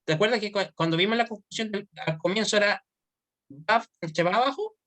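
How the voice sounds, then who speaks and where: A man's voice: sits high, a little fast, a bit bright, no room sound. A man teaching an online Hebrew grammar class, explaining step by step and often checking that students follow.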